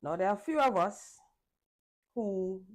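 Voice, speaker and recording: A middle-aged woman with a Trinidadian accent speaks as a calypso singer in a relaxed conversation. She circles back over her points and asks her listener if they understand. Her pitch and energy sit at an ordinary middle level. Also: a little slow. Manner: relaxed, repeats phrases for emphasis. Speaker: calypsonian guest. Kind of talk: casual conversation.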